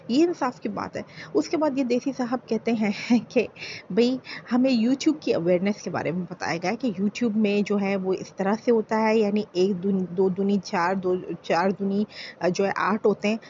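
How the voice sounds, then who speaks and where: A woman's voice: fairly high pitch, a little mellow, dull audio, slight background noise. A woman giving heated, opinionated commentary as a reaction channel YouTuber, full of rhetorical questions and pleas. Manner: impassioned, rhetorical, pleading.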